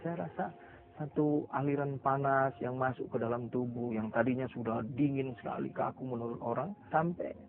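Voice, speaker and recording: A middle-aged man giving an earnest, confessional personal testimony in an interview. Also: medium pitch. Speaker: testimony speaker. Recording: tinny phone-like sound.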